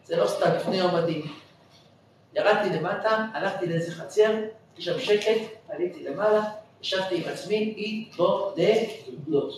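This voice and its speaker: A man, a rabbi, telling a story in a lively, joking sermon in a synagogue, recorded from far off with heavy echo. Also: sits high, slight background noise. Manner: animated, exclaiming, jokey. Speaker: rabbi giving a lecture. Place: synagogue hall. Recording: echoey hall from far off.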